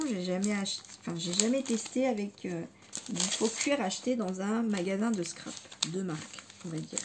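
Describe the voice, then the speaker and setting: A woman talks through her scrapbooking haul in a loose, hesitant way, stopping for fillers and doubling her words. She gushes happily about each item, her voice at an ordinary middle pitch, with a faint hum of room ambience behind her. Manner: enthusiastic about materials. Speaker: scrapbooking vlogger. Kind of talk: casual haul video chat.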